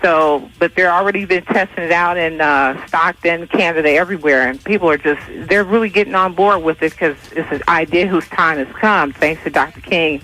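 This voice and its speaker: A woman's voice: lowish voice, a little fast, few pauses, fairly bright tone, faint music behind, low-quality recording. A woman calling in to a radio talk show, speaking enthusiastically and at length with many fillers. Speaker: caller. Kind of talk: call-in comment on talk radio. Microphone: phone call.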